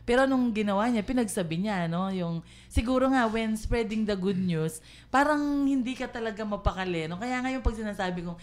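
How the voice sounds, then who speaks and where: A woman from the Philippines sharing her faith story in casual, halting talk with many fillers. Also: mid-range voice. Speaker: church member sharing testimony.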